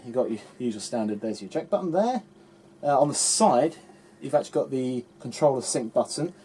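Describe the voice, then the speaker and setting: A man's voice: a little high, warm tone, a little hiss or hum. Chatty man unboxing on camera. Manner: chatty, talks to the camera and the objects he handles. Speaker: unboxing vlogger. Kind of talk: casual unboxing commentary to camera.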